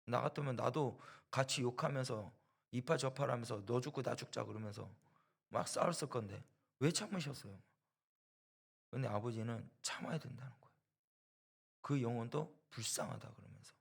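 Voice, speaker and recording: A man's voice: medium pitch, creaky, slightly rough. A male preacher giving a sermon, telling a personal story with rhetorical questions and repetition for emphasis. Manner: storytelling that acts out quoted voices. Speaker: preacher at a church.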